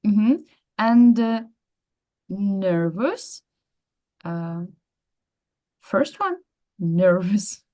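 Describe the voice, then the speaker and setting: A woman's voice: mid-range voice, lively intonation, extremely slow, long pauses, warm tone. A woman with a Ukrainian accent answering a teacher's questions, tentative and hesitant. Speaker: student volunteer.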